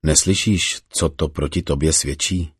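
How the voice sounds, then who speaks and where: A stern Roman governor poses his questions in a very deep, husky voice, as a man reading scripture gives him lines. The delivery is slightly raised and questioning, and the sound is dry and close. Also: fairly even intonation, dry recording, full character voice.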